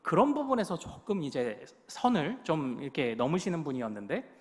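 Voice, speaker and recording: A man preaching from the pulpit, his fairly high voice swooping up and down as he leads the congregation in repeating phrases. He jumps into the voices of the people in his story with rising emphasis. The sound carries a long church-hall reverb. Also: big pitch swings, fairly quick. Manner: acts out quoted voices with rising, emphatic delivery. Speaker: pastor. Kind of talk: sermon. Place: church sanctuary.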